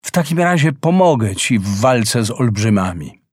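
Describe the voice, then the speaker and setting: A man voicing a gentle wise frigate bird. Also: medium pitch, sing-song, moderate pace, no echo, clean studio sound. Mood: earnest.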